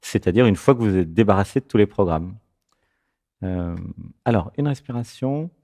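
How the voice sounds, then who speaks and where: A man's voice: lowish voice, moderate pace. A man hosting a spiritual talk show and guiding a caller, checking in often as he speaks. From France. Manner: animated, keeps checking in with "tu vois".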